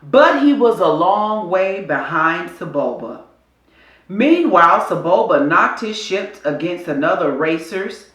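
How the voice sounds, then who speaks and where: With a bright, clear storytelling voice and lively changes in pitch, a woman reads aloud an adventure story for children. Her scripted narration is leisurely and purposely dramatic, recorded in an echoey room.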